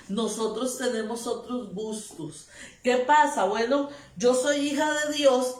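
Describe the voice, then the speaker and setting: A woman preaching a sermon, emphatic and repetitive, often stopping for amen. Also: high voice. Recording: echoey room, voice from a distance.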